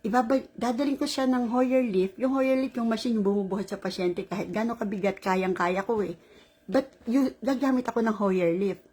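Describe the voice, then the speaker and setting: Weary woman with a husky, mellow voice. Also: fairly high pitch, moderate pace. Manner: rambling, animated retelling with laughs. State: tired after a long shift. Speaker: caregiver. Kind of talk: casual vlog storytelling.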